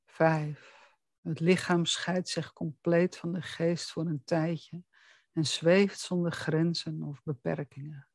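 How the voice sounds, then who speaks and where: Slow, close-up hypnosis guide voice, right in your ear. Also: medium pitch, level tone, darkish tone, no room sound. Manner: soothing, deliberate, instructing the listener. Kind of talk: guided hypnosis relaxation narration.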